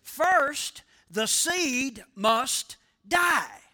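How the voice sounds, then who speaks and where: A man's voice: very high-pitched, expressive, a little slow, bright, forceful tone. A middle-aged man preaching a sermon as pastor, emphatic and drawing the congregation into call-and-response asides.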